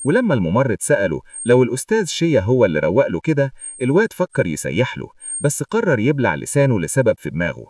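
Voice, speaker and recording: A man with an Egyptian Arabic accent, narrating a manga story recap as a lively, joking storyteller. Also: medium pitch, fast talker, no echo, clean studio sound, recorded from a distance.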